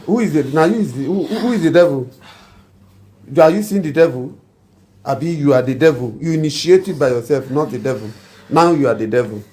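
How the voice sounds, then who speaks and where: A man's voice: fairly high pitch, brisk, a little mellow, close to an everyday voice. A Nigerian-accented man playing a mediator who scolds a cheating wife and lectures her at rambling length. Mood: scolding. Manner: lecturing, rambling, mixes in pidgin.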